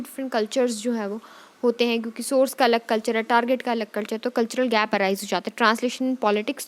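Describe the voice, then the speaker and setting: A young woman teacher with a fairly high voice gives an exam-prep lecture in a mix of Hindi and English. She dictates definitions word by word, repeats them and checks in with "theek hai."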